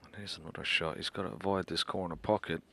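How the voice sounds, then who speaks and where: A man giving snooker commentary in short, measured observations between shots. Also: low-pitched, steady tone, gravelly, pushed and bright, slightly rough.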